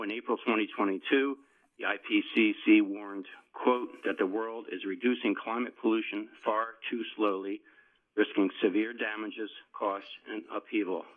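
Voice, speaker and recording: A man testifying at a public hearing over a landline phone, reading a prepared statement in a plain, measured way. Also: on the low side. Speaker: public witness giving comment at a hearing. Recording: tinny landline phone call.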